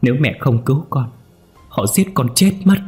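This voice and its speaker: A man's voice: mid-range voice, lively intonation, moderate pace, darkish tone, soft background music, pitched above the performer's own voice, close to an everyday voice. A man voicing a terrified young man who stammers and begs tearfully for help. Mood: pleading. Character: frightened young man, pleading gambler son.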